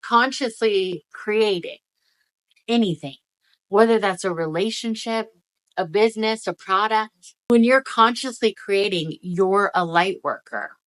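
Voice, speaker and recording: A woman's voice: medium pitch, measured pace, a bit bright. A woman giving a casual, encouraging, emphatic motivational talk to viewers, speaking out of the side of a mouth numb from the dentist. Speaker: spiritual energy-reading video host.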